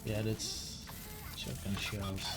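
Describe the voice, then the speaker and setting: A man's voice: on the low side, monotone, slow pace. Man thinking aloud over game music. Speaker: gamer host. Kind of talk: let's play commentary.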